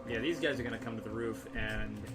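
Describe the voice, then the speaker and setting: A man with a medium-pitched voice talks fast over loud music while streaming a game. His commentary is offhand and wry, full of swearing and chat with viewers, and the distant mic is noisy with game sound.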